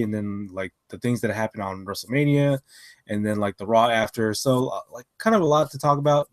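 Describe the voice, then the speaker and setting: A man's voice: mid-range voice, no room sound. A man co-hosting a casual podcast chat, tired after a long work shift, rambling with lots of fillers and restarts. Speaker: podcast co-host.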